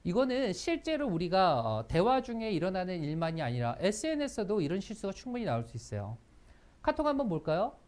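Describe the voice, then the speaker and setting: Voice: medium pitch, fairly quick. An instructor giving a workplace etiquette lecture to students, acting out example lines in quotation. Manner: lively, acts out example lines in quotes. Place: school training session.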